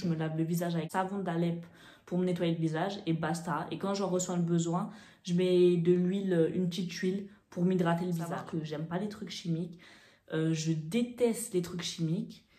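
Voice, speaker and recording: A woman's voice: fairly low pitch, fairly quick. Chatty young woman vlogger, echoey room. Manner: chatty, animated, with fillers. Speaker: beauty vlogger. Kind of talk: casual to-camera storytelling.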